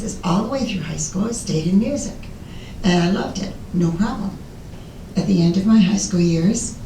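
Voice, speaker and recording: An older American woman with a raspy voice, giving an informal, rambling, self-deprecating talk about herself as a presenter. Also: dark tone. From Illinois, United States. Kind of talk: informal autobiographical talk to an audience. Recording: roomy, distant mic, faint rumbling noise.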